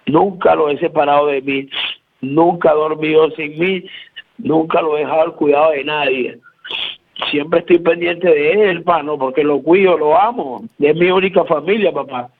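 A man's voice: on the high side, fairly even intonation, moderate pace, a little hiss or hum. A man with a Venezuelan Caracas accent speaks on a phone interview, pleading and often repeating himself. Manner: pleading, repeats words, says "brother" often. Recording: tinny phone line on radio.

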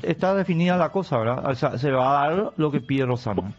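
A man hosting a live radio interview, pressing his guest with questions in quick bursts. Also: mid-range voice, animated. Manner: probing, fast bursts of talk. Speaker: radio host. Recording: dull lo-fi radio sound.

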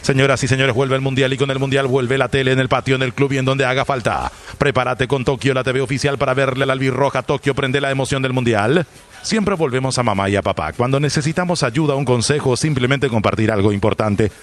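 Brief: male radio announcer, mid-pitched voice, slick ad-read delivery. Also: steady tone, a little hiss or hum. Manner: polished, salesy, slows for taglines. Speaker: commercial announcer. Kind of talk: scripted radio ad reads.

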